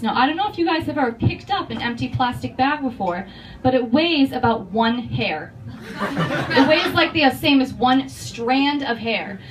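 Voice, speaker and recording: Profane, animated woman comedian telling a story. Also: fairly high pitch. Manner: animated, profane, bursts into shouts. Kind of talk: stand-up storytelling. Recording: distant mic, noisy.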